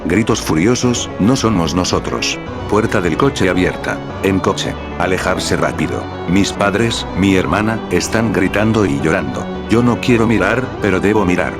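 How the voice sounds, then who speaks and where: Deep robotic-sounding guy voice reading a scary story in short choppy bits, music playing under it. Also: normal speed. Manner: terse, clipped fragments in an even synthetic delivery. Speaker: narrator. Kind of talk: text-to-speech horror story reading.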